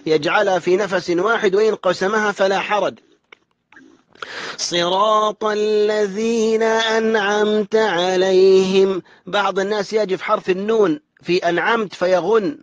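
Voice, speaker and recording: High-voiced sheikh teaching recitation. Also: male voice, a bit bright, no echo, dull audio. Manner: corrects common mistakes, then slowly chants the verse. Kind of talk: religious lesson on correct recitation.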